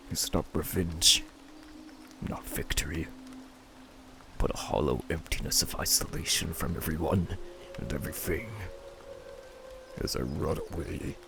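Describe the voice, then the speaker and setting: A man voicing a vengeful, tormented Spartan warrior, with a brooding manner, slow drawn-out lines that rise into shouts. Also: low-pitched, background noise, full character voice. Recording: music playing loudly behind.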